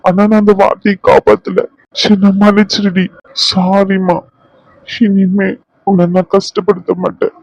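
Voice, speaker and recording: A man voicing a tender, remorseful young husband in a cartoon drama, talking slowly and pleadingly. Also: high-pitched, monotone, gravelly, no room sound, lo-fi sound. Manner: soft, pleading, slow and emotional.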